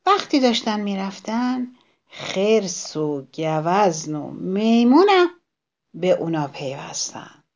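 A woman narrating a children's story, expressive and speaking directly to the children listening. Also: on the low side, creaky.

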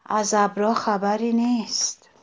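A woman voicing a kind, restless wind in a children's story, speaking softly. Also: mid-range voice, level tone, natural voice. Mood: sad.

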